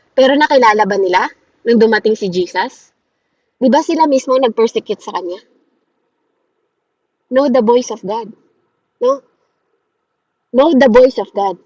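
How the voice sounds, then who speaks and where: A woman preaching a daily devotion in an earnest way. She keeps checking in with listeners through short rhetorical questions and slows down on quoted verses. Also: high-pitched, no room sound, highs cut off.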